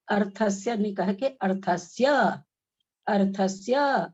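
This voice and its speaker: Woman teacher, slow deliberate speech, husky voice, dull lo-fi call audio. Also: mid-range voice, a little mellow. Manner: slow, careful, syllable-by-syllable pronunciation coaching. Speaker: teacher leading a scripture recitation class. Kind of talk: online recitation lesson. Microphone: phone on a video call.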